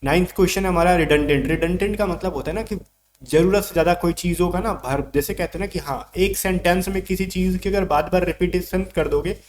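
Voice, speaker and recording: Man, teacher, vocabulary lesson, step-by-step explanations, slightly high voice, light hum behind. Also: a little fast. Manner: explains step by step with repeated checks.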